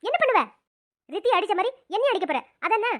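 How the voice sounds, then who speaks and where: A woman's voice: extremely high pitch, animated, fast, a bit bright. A woman voicing a defiant young cartoon heroine. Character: defiant young woman, stubborn about marriage. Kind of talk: cartoon voice acting.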